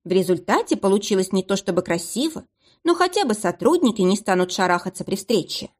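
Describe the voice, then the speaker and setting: Expressive woman reading a story. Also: medium pitch, a little fast. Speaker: narrator. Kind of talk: audiobook narration.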